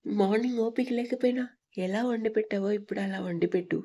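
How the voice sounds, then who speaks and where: A woman's voice: mid-range voice, fast, warm tone, lightly acted. A woman voicing a stern, domineering young husband in a read-aloud love story, bossy and mocking.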